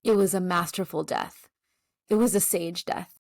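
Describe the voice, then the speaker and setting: A woman guest in an interview, telling a family story in a gentle, heartfelt way with soft laughs. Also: fairly low pitch, normal speed, vocal fry, no echo, poor audio.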